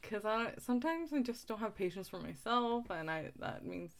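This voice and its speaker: A woman's voice: medium pitch, big pitch swings, moderate pace. Young woman, middle-range voice, casual conversation, wry and blunt, slangy wording. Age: young adult. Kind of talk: casual chat.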